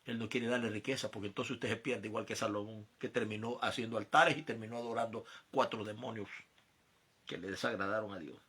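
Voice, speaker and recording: A man from El Salvador, preaching a testimony sermon, often quiet and then climbing to loud emphatic peaks. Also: fairly low pitch, steady tone, fairly quick, husky.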